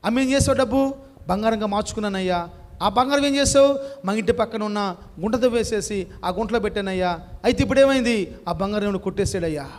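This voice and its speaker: A man's voice: sits high, fast, long reverb tail, natural voice. A man voicing a grieving old man who lost his gold, wailing and pleading in a story told during a sermon.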